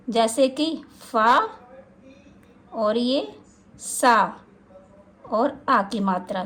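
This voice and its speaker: A woman teaching a beginner spelling lesson, speaking at a very slow, deliberate pace. She draws each syllable out for practice and keeps asking the viewer what a word becomes. Her voice sits slightly high. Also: slight background noise. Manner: asks questions to the viewer.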